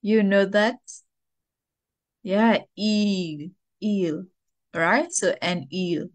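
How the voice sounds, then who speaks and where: A woman with a Burmese accent leads a classroom grammar lesson. She speaks patiently, asking questions and repeating words slowly so learners can follow. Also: mid-range voice, steady tone. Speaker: English teacher.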